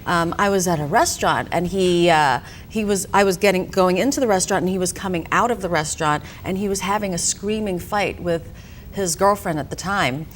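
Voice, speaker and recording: Over a slight hiss or hum, a Hong Kong woman with a lowish voice talks a little fast. As a guest who directs films and acts, she answers the interviewer chattily, leaning on fillers such as "um" and "you know."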